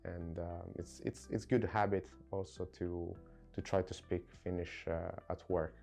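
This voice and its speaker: Italian guy in his 20s, low mellow voice, lots of uhs, soft music behind. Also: little pitch movement, vocal fry. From Italy. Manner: earnest, halting with many fillers and restarts. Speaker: credit control specialist. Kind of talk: corporate interview.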